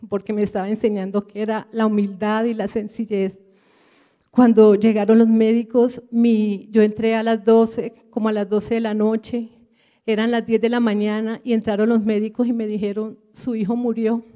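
A woman's voice: mid-range voice, dark tone. A woman giving an earnest personal testimony to her church congregation, addressing them as brothers and sisters.

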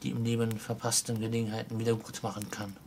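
A man's voice: on the low side, level tone, fast talker, creaky, darkish tone, a little hiss or hum. A man voicing a mournful chained ghost. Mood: solemn, mournful. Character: ghost of an old male miser, grave, sorrowful, bound in chains.

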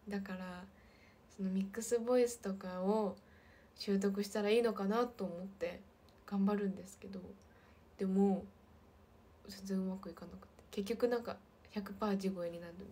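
A woman in her twenties with a light lilt, chatting casually on a livestream and reading viewer comments, often slipping into soft half-whispers. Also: medium pitch, slightly rough. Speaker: idol livestream host.

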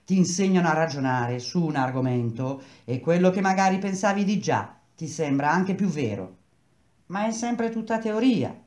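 A woman's voice: fairly low pitch, lively intonation, normal speed, darkish tone, close to an everyday voice. A woman voicing a stubborn, earnest bricklayer husband who explains things in an echoey room. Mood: explaining.

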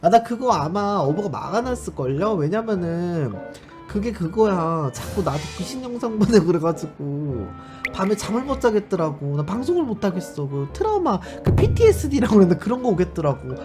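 A man chatting casually on a live stream, animated and expressive, and given to sudden shrieks. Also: high-pitched, brisk. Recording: live stream with loud background music.

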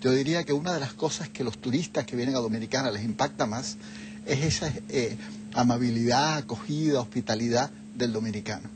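A man's voice: mid-range voice, fairly quick, background noise. An older man, a guest in a TV studio interview, explaining things reflectively into a lapel mic. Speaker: guest, Jesuit leader. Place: TV studio set, seated on a sofa.

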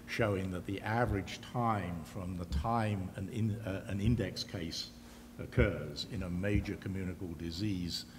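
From a panel table in a large auditorium, an older man with a very low voice answers in a panel discussion, choosing formal, elaborate words at a measured pace with fairly even intonation. A long hall reverb and faint background noise color the sound.

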